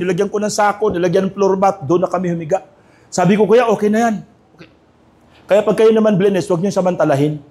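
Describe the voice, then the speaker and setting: A male pastor preaching a sermon, telling stories and calling out to the congregation for responses. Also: sits high. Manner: animated, calls out to the congregation for responses. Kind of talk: sermon with storytelling.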